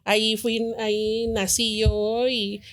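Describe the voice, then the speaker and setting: A woman from Texas, a podcast guest who speaks in a soft, hesitant way. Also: a little high, flat delivery, slow. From McAllen, Texas. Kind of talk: casual interview chat.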